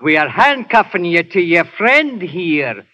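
An actor playing a menacing, bullying policeman in a 1940s radio drama, gruff and domineering. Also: high-pitched, big pitch swings, a little slow, pushed and bright, full character voice. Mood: gloating, curt. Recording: dull, faintly noisy vintage radio recording.

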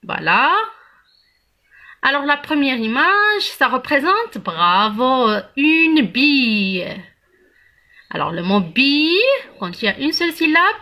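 A woman teaching young children to read, spelling out letters and syllables slowly and praising the class often. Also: high voice, sharp tone. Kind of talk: early reading lesson for young children.

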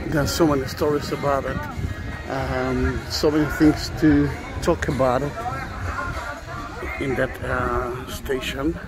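This is a low-quality recording of an Israeli tour guide, a middle-aged man, filming an unscripted walking-tour vlog with a handheld phone or camera outside an old train station's plaza. His voice sits in the mid range, steady and unhurried, though his talk stumbles with frequent fillers and false starts. Music runs underneath.

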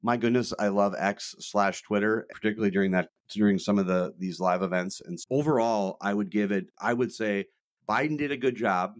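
A middle-aged man co-hosting a political podcast, telling lively stories and laughing easily. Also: fairly low pitch, fairly quick, dry recording, clean studio sound. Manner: animated storyteller, laughs easily. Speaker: podcast co-host. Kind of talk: casual political chat.

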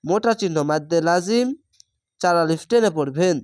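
A man's voice: high-pitched, moderate pace, a little mellow, smooth, dry recording, clean studio sound. A man teaching Quran reading, spelling out each syllable and then drawing out the joined word. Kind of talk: slow spelled-out Quran recitation lesson.

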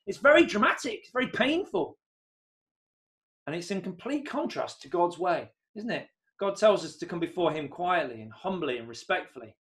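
A man in his thirties, with a voice on the high side, preaches an earnest sermon into a webcam from a room at home. He rises to excited emphasis on key points.

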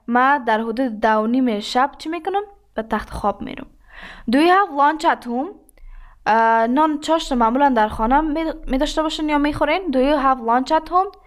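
Woman, Afghan Dari accent, teacher, slightly raised pitch, slow careful examples, brisk explanations. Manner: reads example sentences slowly and deliberately, then explains quickly. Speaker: English teacher. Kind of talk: explaining a language lesson.

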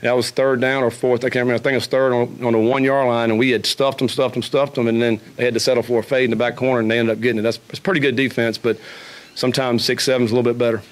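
Quick, level-toned answers from a middle-aged man speaking into a table microphone at a press conference. He talks in a steady, even pitch and keeps circling back with fillers and restarts as he breaks down a game. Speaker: head football coach. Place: press conference room with a logo backdrop.

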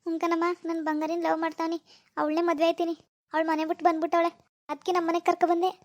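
A voice artist playing a lovesick young village man in a cartoon, pleading softly with his mother. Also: very high-pitched, monotone, quick pace. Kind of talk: animated village drama.

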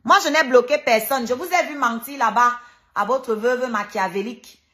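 A woman on a livestream, talking in a somewhat high voice and tearing into her critics with biting sarcasm. She is combative and mocking, and she repeats lines for emphasis. The rant is heated and personal, delivered straight to her viewers. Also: moderate pace, fairly bright tone. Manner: emphatic repetition. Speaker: online live streamer.

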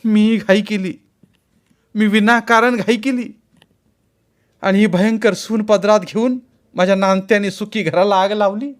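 A sharp-tongued older mother-in-law, loud and shrill, heaping complaints on the household, voiced by a man reading a storybook. She speaks high and unhurried, dragging out each grievance. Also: steady tone. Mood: lamenting.

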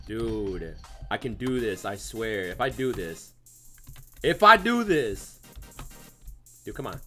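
A man doing let's play commentary, excitable and yelling at the game. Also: lowish voice, takes it slowly, faint music behind. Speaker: gamer.

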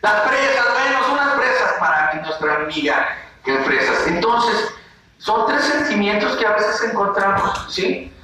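Playful teacher in echoey classroom. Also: male voice, high-pitched, sing-song, unhurried, pushed and bright. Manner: acts out feelings in playful put-on voices. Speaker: preschool teacher. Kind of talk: animated lesson to young children. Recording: very echoey room, voice from a distance, faint noise.

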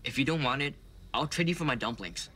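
A man's voice: medium pitch, animated, normal speed, sharp tone. An actor playing a casual young man in a sitcom scene about food, speaking in an offhand way.

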